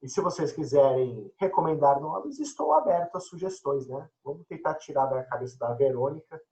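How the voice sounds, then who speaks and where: A man teaching an online class, chatting and joking with his students. His voice sits a little high and swings widely in pitch. The audio is dull and lo-fi. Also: very animated, moderate pace, a little mellow. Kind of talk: casual online class chat.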